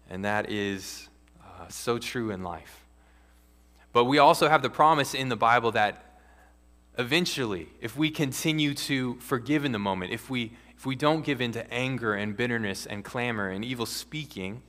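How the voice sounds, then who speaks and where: A man preaching a sermon as pastor, earnest and measured, with occasional restarts. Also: medium pitch, fairly bright tone. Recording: long hall reverb.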